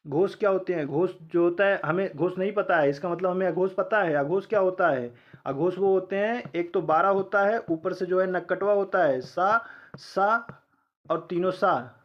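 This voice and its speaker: In this exam-prep lecture, a man whose voice sits high quizzes his learners, supplies the answers on his own, and sounds out individual letters. The audio has its highs cut off.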